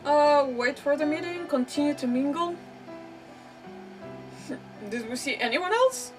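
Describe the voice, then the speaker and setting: Over game music, a woman gives casual live commentary as she streams, hesitating and repeating words while she thinks aloud. She speaks at a measured pace in a high-pitched, expressive voice, picked up by a distant mic in a rough recording.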